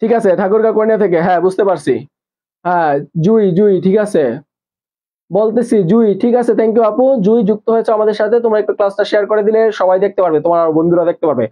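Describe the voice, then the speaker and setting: High-voiced man teaching a live class. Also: fast, lo-fi sound. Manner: repeats key terms, quizzes students and answers himself. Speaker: nursing admission teacher.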